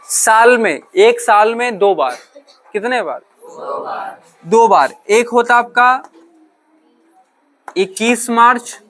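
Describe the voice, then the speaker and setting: A man's voice: high voice, a bit bright, slight background noise. A male teacher lecturing a classroom, asking questions, answering them himself, mixing in English terms and often checking whether the students understand. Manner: mixes English terms into his talk.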